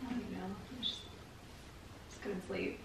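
A woman's voice: medium pitch, fairly even intonation, measured pace, creaky, echoey room, poor audio. A young woman vlogging at home who talks casually and teases playfully, with faint noise behind her. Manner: playful, teasing, evasive. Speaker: vlogger pranking her husband. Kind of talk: casual vlog talk, then hushed whispering. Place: indoors at home.

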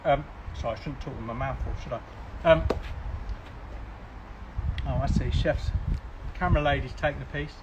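A man's voice: mid-range voice, moderate pace, pauses often. A man running a live outdoor cooking demonstration, chatting casually and laughing as he cooks and eats. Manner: chatty, talks while eating, laughs often. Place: outdoors by a barbecue grill. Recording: noisy outdoor background.

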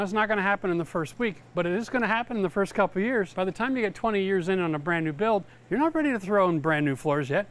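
A man giving hands-on home renovation instruction, explaining energetically and talking straight to the viewer while he works in an unfinished basement. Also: high-pitched.

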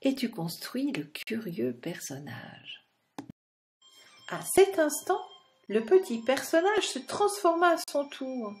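A woman's voice: a little high, a little mellow. A woman narrating a children's storybook expressively and speaking directly to the young listener.

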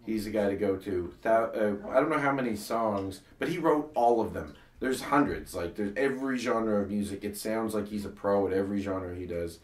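Rambling man, deep, echoey room. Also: normal speed, hardly any pauses, distant mic. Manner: rambling, restarts sentences often. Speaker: co-host of a comedy web series. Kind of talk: casual chat. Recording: echoey room, voice a bit off-mic.

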